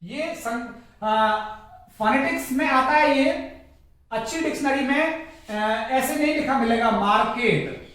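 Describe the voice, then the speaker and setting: A man's voice: very high-pitched, a little slow, fairly bright tone. A man teaching pronunciation, spelling words letter by letter, repeating them as a drill and contrasting wrong and right forms. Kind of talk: explanatory pronunciation lesson. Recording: very echoey room, distant mic.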